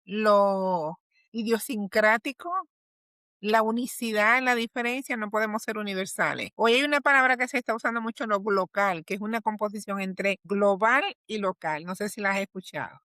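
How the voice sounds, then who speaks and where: A woman's voice: medium pitch, moderate pace, bright, forceful tone, dry recording, clean studio sound. A woman guest and teacher explaining language in an interview, in a didactic manner full of rhetorical questions.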